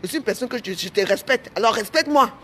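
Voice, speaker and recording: A woman's voice: a little high, animated, fast. This is a woman with a Cameroonian French accent, venting to her followers in an angry vlog. She talks in an indignant, repetitive way, punching her points with "hein". A light background hiss sits beneath her voice. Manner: indignant, repeats herself, ends phrases with "hein". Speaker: vlogger. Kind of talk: heated rant to camera.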